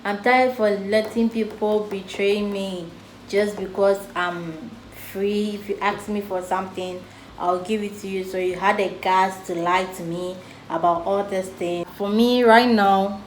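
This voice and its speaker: A young woman with a Ghanaian English accent tells a storytime vlog, talking slowly and unhurriedly. She is chatty and lighthearted even about serious matters. Her voice echoes in the room, with faint noise behind her. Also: mid-range voice. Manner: slow, chatty, jokes and laughs about serious things. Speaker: vlogger.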